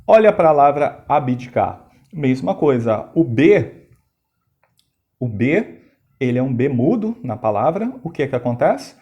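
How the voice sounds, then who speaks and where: A man's voice: mid-range voice, warm tone. A male teacher explaining syllable division in a lesson, stressing key words and asking rhetorical questions.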